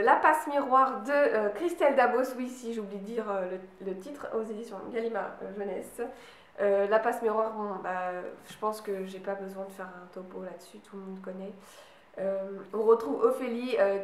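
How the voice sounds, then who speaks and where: A woman's voice: fairly high pitch, roomy sound. A woman vlogging casually about books she bought, hesitating often with fillers and restarts. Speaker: book vlogger. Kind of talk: casual book haul chat.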